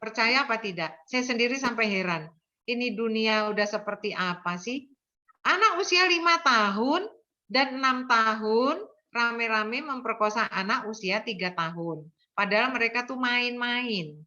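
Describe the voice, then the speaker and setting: A woman's voice: fairly high pitch, normal speed, bright, forceful tone, muffled recording. An older woman, a nursing lecturer, giving an earnest lecture full of anecdotes and often checking in with her listeners. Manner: earnest, tags sentences with "ya".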